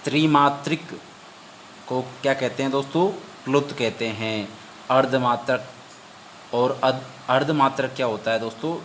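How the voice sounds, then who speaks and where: Guy teaching a study lesson, recites verses slow, keeps asking and answering his own questions, light ac hum. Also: medium pitch, fairly bright tone. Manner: repeats each point as a question and answer; recites Sanskrit verses slowly. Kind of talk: exam-prep lesson.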